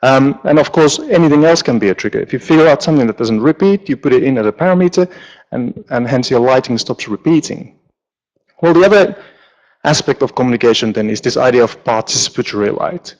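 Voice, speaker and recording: A man speaks from a stage in a large auditorium, his pitch in an ordinary middle range. He presents like a lighting designer at a conference, easygoing and joking, with plenty of ums and restarts. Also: fairly quick, dull audio. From Finland. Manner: relaxed, joking, with frequent fillers.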